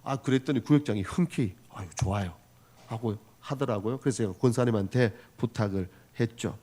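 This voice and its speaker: A male pastor from the region preaching a sermon, earnest and storytelling, moving from loud exhortation to soft asides. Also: medium pitch, a little fast. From Gyeongsang region, Korea. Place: church sanctuary.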